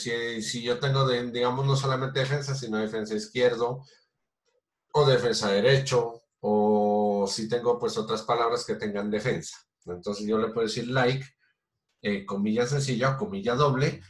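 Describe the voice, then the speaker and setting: A man teaching a programming class, explaining patiently step by step with many fillers and restarts. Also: mid-range voice. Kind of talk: recorded online class. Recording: roomy echo.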